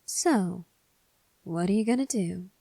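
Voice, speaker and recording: Woman acting a slow, sardonic criminal woman. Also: medium pitch, vocal fry, mellow, dry recording. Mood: sardonic, ominous. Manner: sardonic, teasing, unhurried. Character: cynical, taunting woman gang member, threatening and sardonic. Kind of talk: ASMR role-play.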